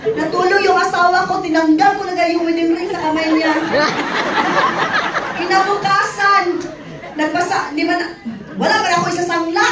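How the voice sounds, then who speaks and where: A woman's voice: very high-pitched, steady tone, normal speed, pauses often, a loud crowd, very noisy. A middle-aged woman giving a personal testimony to an audience, telling her story with laughter and acted quotes. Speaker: testimony speaker. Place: event hall. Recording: echoey hall from far off, audience faintly behind.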